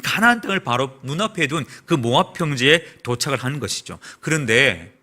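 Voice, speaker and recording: A man preaching a Sunday sermon as a pastor in a church, asking the congregation rhetorical questions. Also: normal speed. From South Korea. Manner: preaching with rhetorical questions and lively swings in pitch and volume. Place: church sanctuary.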